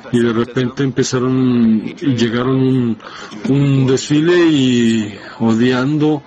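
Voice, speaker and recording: Slow, hesitant man on a dull recording. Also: medium pitch, a little mellow. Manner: halting, hesitant, many restarts. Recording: dull lo-fi sound.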